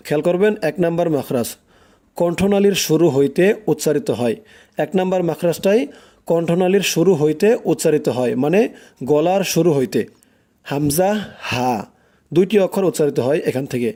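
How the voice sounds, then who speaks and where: A man giving a recorded lesson on Quran pronunciation. He explains each sound, then repeats it slowly and firmly for the listener to copy. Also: fairly high pitch, warm tone. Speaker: Quran recitation teacher.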